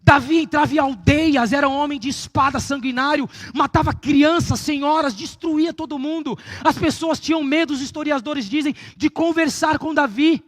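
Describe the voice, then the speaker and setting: A fervent male pastor with a Brazilian Portuguese accent and a very high-pitched voice, preaching with drawn-out, shouted lines. The recording is dry and close, with no room sound. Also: no room sound. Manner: preaching fervently, stretching words and shouting for emphasis. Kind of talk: sermon.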